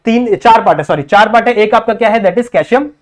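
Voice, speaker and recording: A man's voice: high-pitched, quick pace. A man tutoring biology, drawing a diagram and repeating each term back as a question, checking in with students often. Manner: checks in often with "thik hai". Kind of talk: whiteboard lecture in Hindi-English mix.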